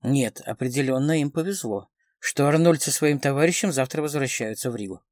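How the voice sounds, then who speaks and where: A man's voice: mid-range voice, fairly quick, darkish tone, dry recording. A man narrating a novel as an audiobook, reading expressively. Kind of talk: scripted narration of a crime novel.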